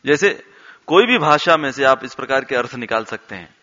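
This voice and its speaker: A man giving a devotional talk, telling stories in an animated way and acting out the quoted lines. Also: mid-range voice, moderate pace. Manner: animated storyteller, acts out quotes and laughs along. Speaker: temple speaker. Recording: dull sound with long hall reverb.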